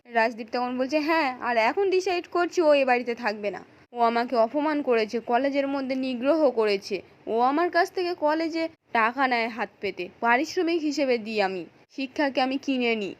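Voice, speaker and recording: A woman retelling a drama episode in scripted narration, quoting the characters' lines with lively delivery. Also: high voice, normal speed. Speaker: serial recap narrator.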